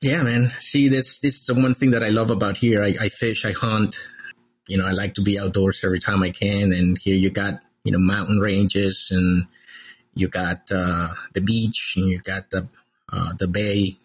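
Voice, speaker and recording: Deep husky man, relaxed guest. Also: normal speed. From El Salvador. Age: 40s. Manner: relaxed, friendly storytelling with fillers. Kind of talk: casual interview.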